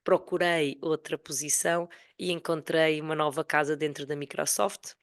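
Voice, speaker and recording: Female podcast guest, 40s, European Portuguese accent, lowish voice with a lingering cold, casual personal storytelling. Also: little pitch movement, normal speed. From Portugal, Sintra area near Lisbon. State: voice affected by a cold, recovering from flu. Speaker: podcast guest, retired corporate finance executive.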